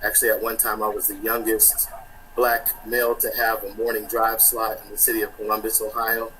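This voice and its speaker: A man's voice: on the low side, flat delivery, brisk, pushed and bright, a little hiss or hum, poor audio. A man who used to work as a radio host, introducing himself as a panel guest with a fluent on-air delivery broken by uh fillers and repeated words. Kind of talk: self-introduction in a panel discussion.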